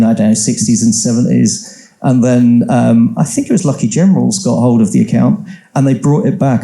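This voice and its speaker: Gravelly, dark-voiced man on a panel. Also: medium pitch, poor audio. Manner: enthusiastic, rambling with restarts. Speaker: panel speaker. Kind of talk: casual panel talk. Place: event venue with live audience.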